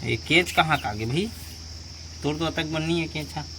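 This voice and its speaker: A young man with a Chhattisgarhi accent hosting a casual village vlog, talking in a playful, loud, teasing way. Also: on the high side, moderate pace, vocal fry, background noise. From Chhattisgarh, India. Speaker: vlogger.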